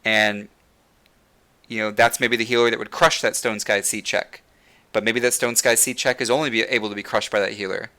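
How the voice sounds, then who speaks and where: A man's voice: lowish voice, level tone, a little fast, pushed and bright. A man hosting a casual gaming discussion, rambling with many fillers and restarts, saying he is losing his voice. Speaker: podcast host.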